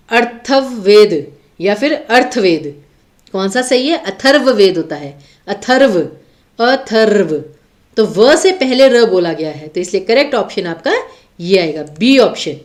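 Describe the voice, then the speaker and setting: A young adult woman teaching a Hindi exam-prep lecture, explaining step by step and repeating words slowly to show their spelling. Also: medium pitch.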